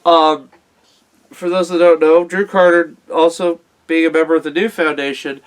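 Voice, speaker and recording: Guy with a slightly high voice talking wrestling, loose and halting. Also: flat delivery, clean tone, low-quality recording. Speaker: wrestling show host. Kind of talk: casual wrestling talk.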